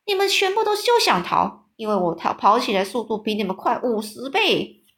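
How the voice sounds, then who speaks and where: A woman voicing a brutish, man-eating male giant in a children's storybook reading, shouting and gloating. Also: a little high, very animated, a little fast.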